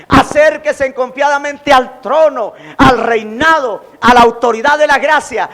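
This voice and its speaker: A man preaching a sermon as pastor, animated, acting out quoted taunts. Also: extremely high pitch. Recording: long hall reverb.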